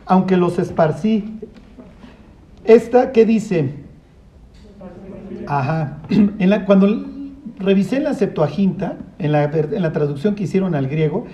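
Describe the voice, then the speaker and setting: A man leads a relaxed Bible study. His voice sits high yet sounds warm and soft-edged. He keeps throwing rhetorical questions at the group. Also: muffled recording. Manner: lively, asks rhetorical questions, acts out voices. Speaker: Bible teacher. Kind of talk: conversational Bible study teaching.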